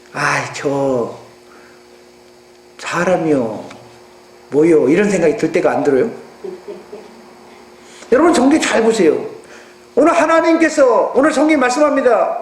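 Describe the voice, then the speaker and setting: A male pastor with a Jeolla accent, preaching a sermon in an animated way and putting rhetorical questions to his congregation. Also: high-pitched. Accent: Jeolla Korean. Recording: echoey room with mains hum.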